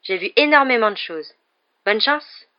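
A man's voice: sits high, lively intonation, unhurried, lo-fi sound, pitched above the performer's own voice. A man voicing a smug, self-pleased teenage girl.

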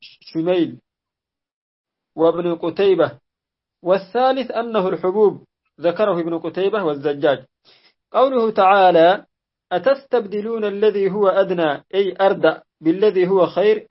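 Guy reading an old scholarly text out loud, slow and careful, kinda muffled audio. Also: high voice. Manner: measured, restarts on slips. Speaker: reader of a classical exegesis text. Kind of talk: reading a classical text aloud. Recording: dull lo-fi audio.

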